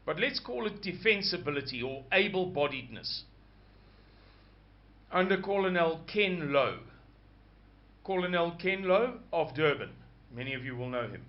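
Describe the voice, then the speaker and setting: A man with a croaky voice, hosting a rambling casual monologue and stopping to search for words. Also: on the high side, big pitch swings, unhurried, pauses often. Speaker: host. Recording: dull lo-fi sound.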